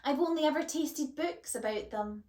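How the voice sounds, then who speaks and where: A woman voicing a big, friendly, kind female bookworm who talks gently in a storybook reading. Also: high-pitched, normal speed, voice pushed up, natural voice. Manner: warm and gentle. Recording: roomy echo.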